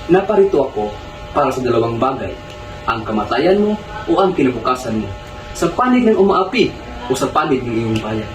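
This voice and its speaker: A man's voice: medium pitch, big pitch swings, a little fast, music in the background, close to an everyday voice. A man playing a stern, scheming older male revolutionary in a student drama, speaking in an intense, commanding way. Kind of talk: amateur student stage drama. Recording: echoey room with background noise.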